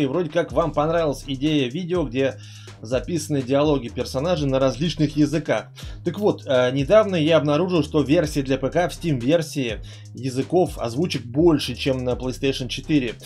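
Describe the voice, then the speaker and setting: A man's voice: fairly high pitch, brisk, a little mellow, husky, faint music behind. A man giving casual, rambling gaming commentary as a channel host. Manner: informal, rambling.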